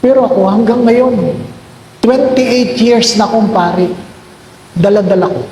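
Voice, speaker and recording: A middle-aged Filipino priest giving a sermon, telling a story and repeating key lines slowly for emphasis. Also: male voice, very high-pitched, mellow, slight background noise. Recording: echoey hall with faint ambience.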